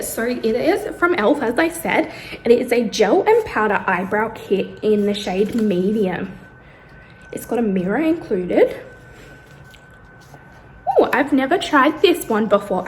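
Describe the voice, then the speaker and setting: A woman's voice: on the high side, echoey room, slight background noise. Breathless Australian woman vlogging at night. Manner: chatty, with many ums. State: out of breath from pain. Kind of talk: casual vlog talk to camera. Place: bedroom at home.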